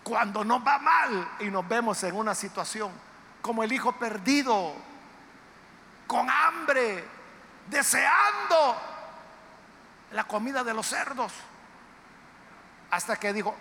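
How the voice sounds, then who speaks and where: A man preaching a sermon in a church, emphatic and dramatic, with sudden loud outbursts. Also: high voice, animated, a little slow, long pauses. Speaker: pastor. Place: church sanctuary. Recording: reverberant church hall, faint background noise.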